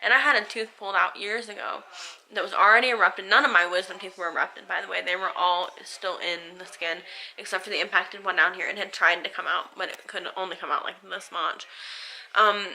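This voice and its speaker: Bright American woman, sore-mouthed, chatting casually. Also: medium pitch, rough recording. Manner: rambling, candid. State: sore, swollen mouth after dental surgery. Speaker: vlogger. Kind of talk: casual chat to camera. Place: at home.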